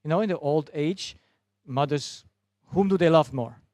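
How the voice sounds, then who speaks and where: A middle-aged man whose first language is German gives a sermon-style talk, telling a story from his work as a doctor. His English is earnest and sometimes broken. His voice sits a little high for a man, and it sounds close and dry. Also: normal speed, a little mellow, dry recording. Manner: non-native English, some broken grammar. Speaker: doctor and speaker.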